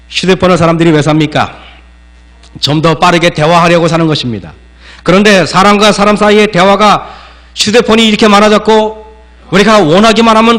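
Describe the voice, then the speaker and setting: A man's voice: high-pitched, a bit bright. A male pastor preaching a sermon, asking the congregation questions and acting out scolding parents in a raised voice.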